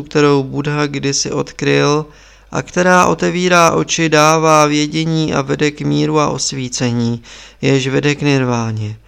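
A grave old abbot, calm and wise, teaching in slow, measured sentences, as a male reader puts him on. The voice is smooth and resonant, with a gravelly fry at the ends of phrases. This is an audiobook reading. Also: fairly high pitch.

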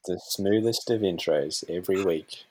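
A man's voice: sits low, normal speed, dark tone, breathy edge. A man co-hosting a podcast, tossing in dry quips. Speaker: podcast co-host. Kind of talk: casual chat.

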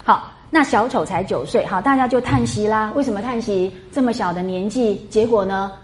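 A woman lecturing a class on a classic novel, chatty and animated, full of rhetorical questions. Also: medium pitch, normal speed. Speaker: literature lecturer. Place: classroom with students.

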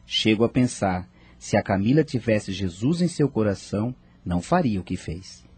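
A man's voice: fairly low pitch, animated, moderate pace, darkish tone, breathy edge. An actor in a radio drama playing a grieving father who talks in an earnest, reflective way. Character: grieving widowed father seeking faith.

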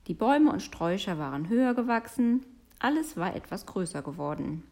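A woman reading a children's story aloud in an expressive, sing-song storytelling manner. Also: medium pitch, a little fast, vocal fry. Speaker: storybook reader.

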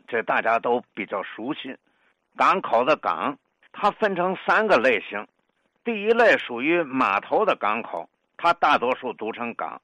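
Older Tianjin-accented male scholar, bright tone, dry recording, explains sounds slowly and methodically. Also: mid-range voice, no echo, rough recording. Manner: measured, lecturing, sounds out syllables. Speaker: dialect scholar. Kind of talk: explanatory talk on pronunciation.

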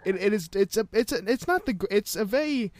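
A man's voice: sits high, lively intonation, fast talker, background noise. A young man co-hosting a podcast, telling a story in a rambling, casual way with many restarts. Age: young adult. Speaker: podcast co-host. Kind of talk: casual chat.

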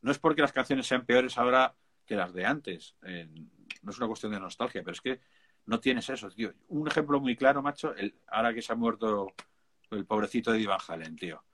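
A man's voice: medium pitch, brisk, a bit bright. Slangy Spanish man talking music production. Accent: Spain Spanish. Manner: chatty, informal, emphatic, peppered with slang. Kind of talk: casual chat.

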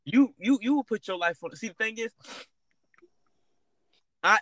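Man, casual chat, rambling fillers, high pitch, dry sound. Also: expressive, unhurried, pushed and bright, dry recording. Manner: rambling, many repeated fillers.

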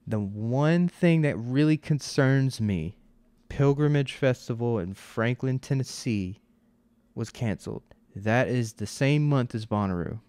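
A man's voice: medium pitch, unhurried, a little mellow, no echo. A man in his twenties hosting a podcast on his own, talking in a loose, rambling way with lots of "like" and casual swearing. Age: 20s. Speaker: podcast host. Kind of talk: casual solo podcast monologue.

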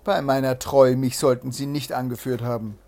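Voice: medium pitch, fairly even intonation, moderate pace, warm tone, lightly acted. A reader doing a scolding shrewd wife. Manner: scolding, emphatic.

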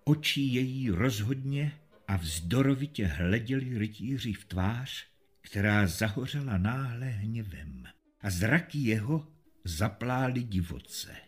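A man reads a historical tale aloud in an expressive, measured manner. His husky voice rises and falls in lively intonation, and faint music plays underneath. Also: medium pitch. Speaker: narrator. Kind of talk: storybook narration.

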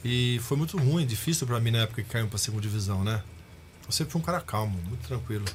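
Middle-aged são guy, rattling off old locker room stories quick, acts out the shouting bits, faint room hiss. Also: mid-range voice. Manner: animated, acts out shouted quotes, laughs while telling. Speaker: guest, former goalkeeper. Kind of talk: casual storytelling chat. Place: podcast studio.

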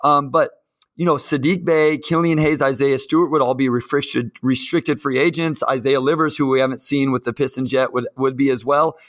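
A man's voice: medium pitch, steady tone, normal speed, a bit bright. A man hosting a sports podcast, chatting casually and asking his guest questions. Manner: conversational, asks guest questions. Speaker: podcast host.

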